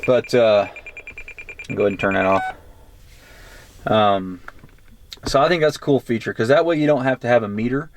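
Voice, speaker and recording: Recorded with a handheld camera, the poor audio picks up clear background noise as an American gear review presenter rambles through an unscripted, matter-of-fact review. His mid-range voice moves at a moderate pace, broken by long pauses.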